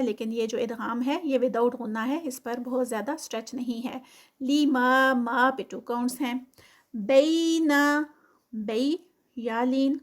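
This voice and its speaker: High-voiced woman teaching Quran recitation. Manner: slow drawn-out recitation, then quick plain explanation. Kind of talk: tajweed lesson, explaining rules between recited phrases.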